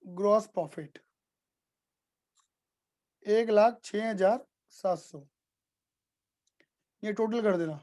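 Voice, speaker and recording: Male tutor, relaxed classroom explainer, checks in with students constantly. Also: sits high, takes it slowly, pauses often. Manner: casual, repeats points, asks students if clear. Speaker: accounts teacher. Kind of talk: live online class explanation.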